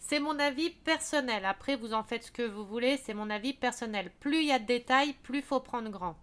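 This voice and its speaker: A woman's voice: a little high, normal speed, a bit bright. A woman casually walking viewers through a craft shop's products, chatty with many fillers and restarts. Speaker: craft video creator.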